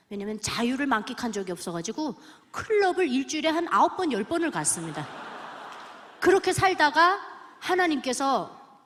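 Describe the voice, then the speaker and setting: Woman from North Korea, guest speaker; animated, emotional testimony sermon, high voice, long hall reverb.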